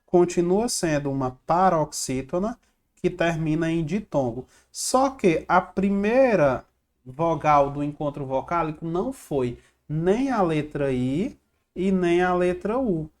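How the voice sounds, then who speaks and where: A man's voice: a little high, expressive, unhurried, a little mellow. Male exam-prep teacher, slide lesson, quizzes then answers himself, repeats rhymes. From Brazil. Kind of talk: online grammar lesson with slides.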